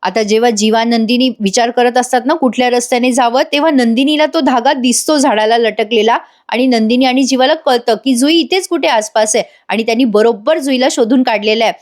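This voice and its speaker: A woman tells the story of a TV serial episode in a chatty voice-over, often turning to address her viewers. Her voice sits a little high for a woman. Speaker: TV serial reviewer.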